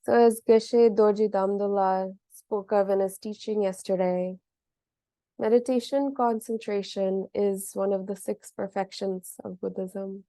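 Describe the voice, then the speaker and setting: A meditation teacher guides a session in a mellow, relaxed, medium-pitched voice that barely rises or falls. She speaks gently and at a measured pace, with long pauses between phrases. The recording is dry and close, with no echo or room around it.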